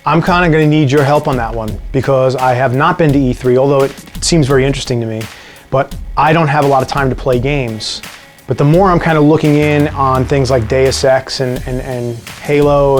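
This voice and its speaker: A man with a New York accent answering viewer questions in a casual vlog, relaxed and wry with dry jokes. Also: medium pitch, brisk, faint music behind.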